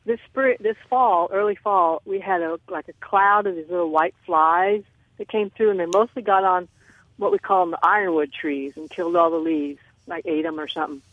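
A woman's voice: lowish voice, moderate pace, dry recording. An older woman from Mississippi with a Southern US accent, calling into a radio show over a clipped phone line, polite and rambling. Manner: polite, rambling, says "yes, sir" often. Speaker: radio caller. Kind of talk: casual call-in question. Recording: tinny, dry phone line.

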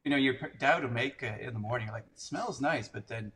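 A man's voice: mid-range voice, brisk, fairly bright tone, slight background noise. Canadian guy in his 40s, casual chat, lots of likes and ums, rambly. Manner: rambling, filler-heavy storytelling.

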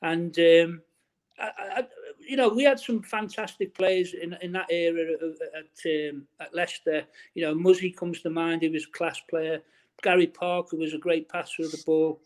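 Chatty ex-footballer, fairly high voice. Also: male voice, fairly even intonation, moderate pace. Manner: chatty, many restarts and fillers. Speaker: interviewee, former footballer. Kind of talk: casual interview, reminiscing.

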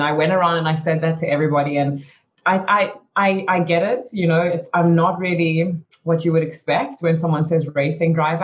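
In a lo-fi recording, a young South African woman with a deep voice speaks as an interview guest about being a racing driver. She's candid and talkative, leaning heavily on "you know" and "like."

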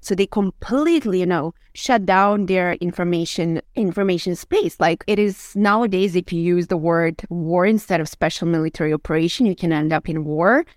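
A woman's voice: on the low side, moderate pace, few pauses, dry recording. A woman, recorded close and dry. She argues her points as an expert interviewee, insistent and emphatic, peppering her speech with "you know" and "like.". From Eastern Europe. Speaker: expert guest on propaganda and disinformation. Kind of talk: interview answers, argumentative commentary.

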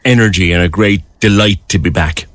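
A man's voice: low voice, fairly quick, a bit bright, dry recording. A man with an Irish accent hosting a conversational radio interview in an informal, encouraging way. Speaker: radio host.

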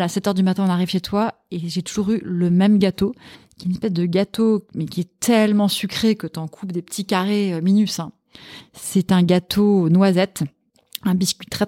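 Enthusiastic woman with a low voice. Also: no room sound, clean studio sound. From Sweden. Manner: enthusiastic, animated storytelling. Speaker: podcast guest, cookbook author. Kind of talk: casual chat.

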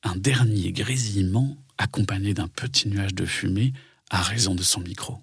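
A man's voice: low voice, normal speed, husky, no room sound, clean studio sound. A man narrating a scripted dramatic story for children.

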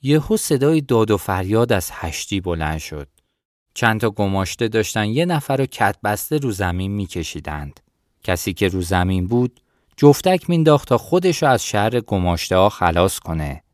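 Low-voiced man narrating a novel. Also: sing-song, no room sound, clean studio sound. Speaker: audiobook narrator. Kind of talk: scripted first-person novel narration.

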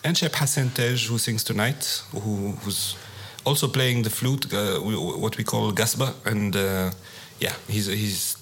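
Low-voiced Tunisian-born musician, hesitant. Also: male voice, steady tone, a little slow, hardly any pauses, a bit bright, a little hiss or hum. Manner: hesitant, many restarts and fillers. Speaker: musician guest. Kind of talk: casual interview chat.

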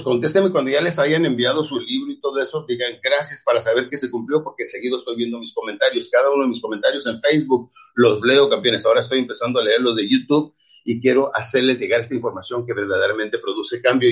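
A man's voice: mid-range voice, quick pace, breathy edge. A middle-aged man with a Mexican accent giving an emphatic motivational talk, urging listeners to forgive. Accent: Mexican Spanish. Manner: emphatic, preachy, calls listeners "campeones". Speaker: motivational speaker. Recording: dull lo-fi audio.

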